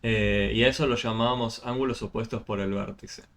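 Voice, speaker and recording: A man, speaking in a fairly low voice, walks a student through math on a video call. He is patient and explains step by step, with frequent fillers and small restarts. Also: steady tone, fairly quick, a bit bright. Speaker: math tutor. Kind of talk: online tutoring session.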